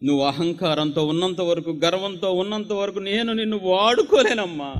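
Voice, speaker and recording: A man's voice: high voice, moderate pace, close to an everyday voice. God pleading with his children, voiced by a male preacher. Raised, tender and repetitive, in a ringing hall.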